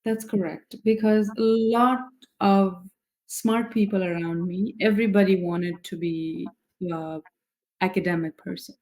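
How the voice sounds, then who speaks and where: Woman from nepal, 30s, thinking out loud in an interview, lots of "you know". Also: medium pitch, fairly even intonation, rough recording. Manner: thoughtful, measured, with many "you know" fillers. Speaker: guest scientist. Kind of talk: casual interview answers.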